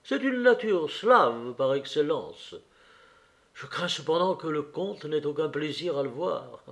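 A man voicing an older society princess who speaks in a knowing, animated way in a read novel. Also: a little high, a little slow. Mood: gossipy.

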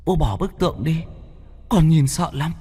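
A man voicing a demon disguised as a young son, talking in a high, whiny, pleading voice. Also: unhurried, warm tone, slightly rough, big-room sound. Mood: wheedling.

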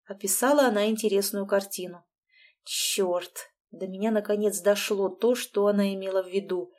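A woman reading a first-person audiobook narration in a calm, even manner. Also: medium pitch, moderate pace. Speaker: audiobook reader. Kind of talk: scripted narration.

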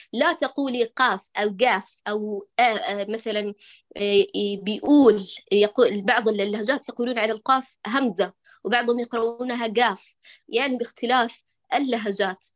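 A woman teaching Quran recitation to women, explaining step by step and sounding out letters slowly to show them. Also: on the high side. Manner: instructive, repeats and demonstrates letter sounds slowly. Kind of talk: spoken lesson to women students.

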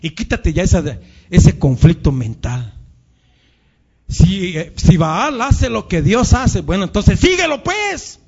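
High-voiced fervent preacher. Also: male voice, big pitch swings, slow, a little mellow, breathy edge. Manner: fervent, often calls the listeners brothers. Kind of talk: sermon and prayer. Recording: dull lo-fi recording.

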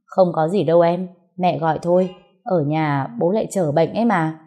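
A woman's voice: fairly low pitch, normal speed, mellow, lightly acted. A woman reading the lines of an uneasy, evasive young husband in a storybook tale.

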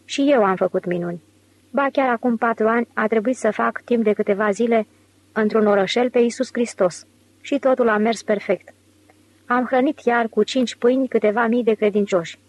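A woman's voice: on the high side, natural voice, poor audio. A woman reading the part of a brash, scheming male con man in an audiobook, with a mocking, argumentative way of talking.

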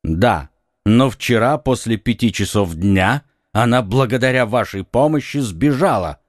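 A man's voice: mid-range voice, lively intonation, unhurried, dry recording, studio quality, close to an everyday voice. A man voicing a stern, blustering police commissioner questioning a prisoner in an audiobook. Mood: interrogating. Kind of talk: audiobook reading.

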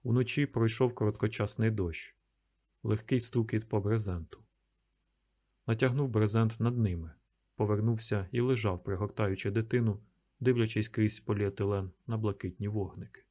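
A man reading a novel aloud in calm, measured audiobook narration. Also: on the low side.

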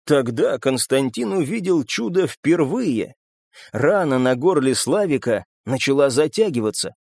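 Male audiobook narrator, tense dramatic read, lively intonation, dry close sound. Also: mid-range voice, unhurried, dry recording. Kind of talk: scripted narration.

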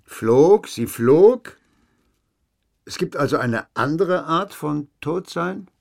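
Slow-spoken sceptical male questioner. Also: a little high, lively intonation, vocal fry, fairly bright tone, exaggerated voice. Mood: incredulous. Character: sceptical, baffled man questioning a storyteller, dry and impatient. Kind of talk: radio play dialogue.

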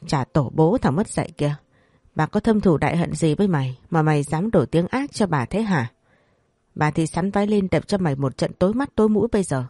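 A woman's voice: deep voice, animated, fairly quick, dark tone, no room sound, clean studio sound. A woman voicing an elderly female servant in a storybook drama, scolding shrilly and then pleading through tears. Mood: furious scolding. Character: old female servant nursemaid, scheming then tearful.

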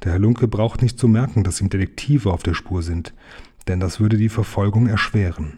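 A man's voice: lowish voice, mellow, breathy edge. A man voicing a clever, bespectacled boy who plans things earnestly, in a storybook reading. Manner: measured, earnest.

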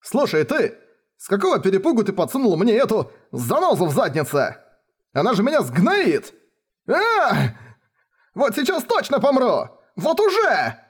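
A man voicing a hot-tempered young male mage who shouts in exasperated outbursts. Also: fairly high pitch, big pitch swings, moderate pace. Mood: yelling.

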